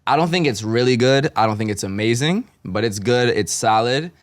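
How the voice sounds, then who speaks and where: A man's voice: medium pitch, expressive, moderate pace, no echo, studio quality. A man hosting a podcast, talking in a blunt, slangy, casual way and swearing freely. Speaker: podcast host. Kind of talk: casual chat.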